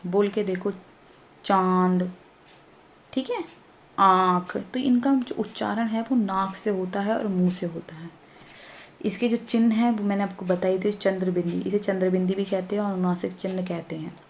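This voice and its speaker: A woman teacher giving a children's grammar lesson, explaining slowly, repeating points and checking understanding as she goes. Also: medium pitch, fairly even intonation, dark tone, a little hiss or hum.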